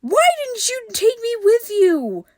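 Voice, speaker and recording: A woman's voice: very high voice, sing-song, slow, a little mellow, no room sound, studio quality, voice pushed up, full character voice. A woman voicing a shy young woman who stammers and gets flustered.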